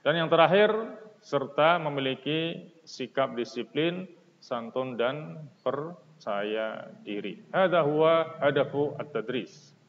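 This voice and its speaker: A man teaching an Arabic lesson, slowly explaining each phrase and translating it. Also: fairly high pitch, big-room sound, highs cut off. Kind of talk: recorded classroom lesson.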